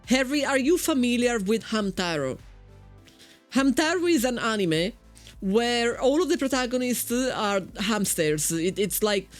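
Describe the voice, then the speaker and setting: A woman with an Italian accent giving casual, chatty game commentary as a streamer, often repeating her first words. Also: a little high. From Italy. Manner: chatty, repeats words when starting sentences.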